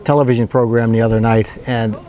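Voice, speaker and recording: A man's voice: medium pitch, level tone, quick pace, mellow. An older man telling a rambling, self-deprecating story in a casual vlog. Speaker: retiree vlogger and pizza delivery driver.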